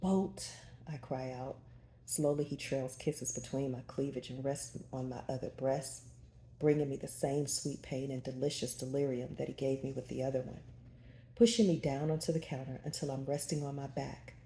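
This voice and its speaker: Low-voiced woman narrating a romance audiobook. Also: little pitch movement, moderate pace, warm tone, echoey room, a little hiss or hum.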